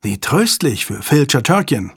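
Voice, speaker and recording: A man voicing a desperate, snarling male hostage-taker in an audiobook, shouting threats. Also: mid-range voice, sing-song, unhurried, slightly rough, no echo, studio quality, pitched above the performer's own voice, full character voice. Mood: shouting, threatening. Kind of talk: audiobook character voice.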